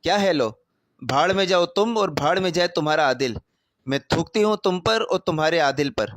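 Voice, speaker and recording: A man voicing a proud young wife who shouts sharp retorts in a family quarrel. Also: a little high, animated, no room sound, clean studio sound, lightly acted. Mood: furious.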